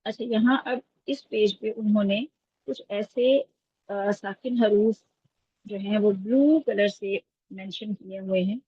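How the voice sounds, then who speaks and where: A woman teaching Quran recitation in an online class, patiently breaking each point down and checking in with her students. Her voice is a bit husky. The call audio is muffled and lo-fi, with a dry, close sound. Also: medium pitch, no echo. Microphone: video call.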